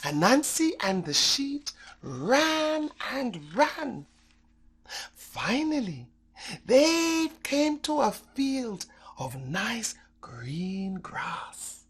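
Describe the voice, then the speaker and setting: A woman with a husky voice on the high side reads a children's story. She performs as an expressive storyteller, phrasing things dramatically and deliberately.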